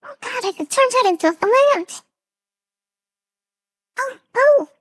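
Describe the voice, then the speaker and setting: A synthetic, machine-made anime-girl voice, as a woman streamer speaks through an AI voice changer. It sits very high and moves slowly, teasing the chat in a playful way. The sound is dry and close. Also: animated, fairly bright tone, dry recording, heavily acted. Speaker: live streamer. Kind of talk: casual live-stream chat.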